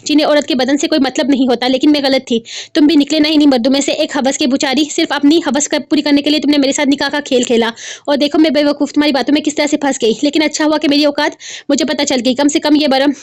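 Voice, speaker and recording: A woman reading aloud as a furious, distraught young woman, hurling accusations in a quick, high voice. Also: lightly acted. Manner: shouting accusations.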